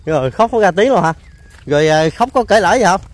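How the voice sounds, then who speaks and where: A man hosts a casual on-location interview. His voice sits notably high. He talks in a chatty way, repeating words and filling pauses with little hesitation sounds. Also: lively intonation. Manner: chatty, repeats himself, many hesitation fillers. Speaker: host.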